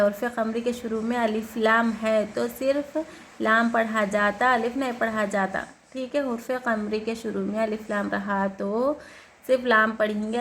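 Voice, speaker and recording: A woman teaching Quran reading step by step, spelling out letters slowly and patiently and answering her own questions. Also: on the high side, fairly bright tone, a little hiss or hum. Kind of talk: step-by-step recitation lesson.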